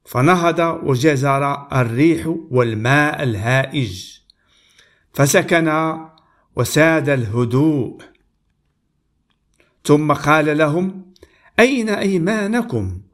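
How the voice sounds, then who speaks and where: A male preacher reads scripture aloud, then steps back to comment on it. His voice sits a little high for a man, and he reads in a measured, deliberate way with steady pauses. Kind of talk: Bible reading with sermon commentary.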